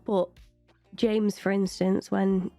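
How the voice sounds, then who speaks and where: A woman's voice: mid-range voice, level tone, slow pace, mellow, no room sound, faint music behind. A British woman hosting a reaction video, chatty and opinionated, often filling her talk with "like". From Britain. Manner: chatty and opinionated, with frequent "like" fillers. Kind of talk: casual reaction commentary.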